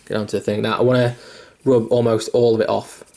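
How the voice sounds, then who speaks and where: Hiccuping, a young man quickly runs through a casual miniature painting tutorial in a lowish, gravelly, mellow voice kept at a level tone. He wanders a little, with fillers, restarts, and the odd curse, coming across as mildly self-deprecating and sweary.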